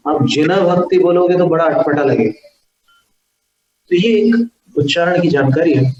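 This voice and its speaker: Male teacher, slightly high voice, careful syllable-by-syllable delivery, echoey distant recording. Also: a little mellow. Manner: slow, deliberate, sounding out syllables. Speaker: religious teacher. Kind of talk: lecture on Sanskrit pronunciation. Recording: echoey, distant, dull lo-fi sound.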